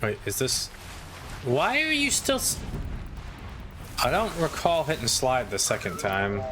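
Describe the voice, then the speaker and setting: A man streaming a game mutters casual, offhand commentary and swears to himself, his mid-range voice swooping wildly in pitch at an unhurried pace. The background is noisy, with video game music.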